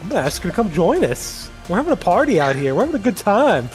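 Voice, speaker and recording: A man's voice: high voice, very animated, quick pace, music in the background. A man playing a tabletop game in character as a wrestler, talking in a brash, cocky way. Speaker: player.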